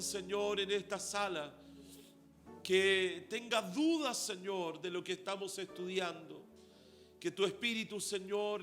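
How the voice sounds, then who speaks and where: A man's voice: high-pitched, a bit bright. A pastor with a Chilean Spanish accent leading an earnest spoken prayer, repeating "Lord" between his phrases.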